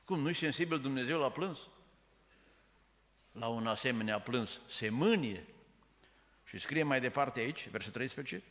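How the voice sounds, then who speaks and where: A man's voice: medium pitch, expressive, long pauses, fairly bright tone. A man preaching a sermon in a church, emphatic and full of rhetorical questions. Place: church sanctuary. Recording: echoey church hall.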